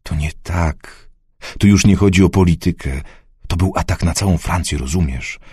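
Audiobook figure: weary, grave male politician, read by a man, low, slow and husky. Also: dark tone, no room sound, studio quality. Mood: grave subdued.

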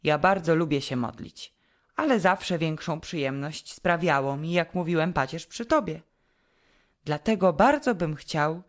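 A woman voicing an earnest, tearful eight-year-old boy in a storybook reading, lifting into a higher childish tone.

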